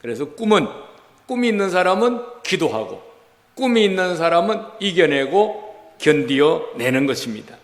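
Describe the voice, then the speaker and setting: A man's voice: a little high, big pitch swings, moderate pace. A male pastor preaching a Sunday sermon, exhorting the congregation and questioning them as he tells a story. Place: church sanctuary. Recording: reverberant church hall.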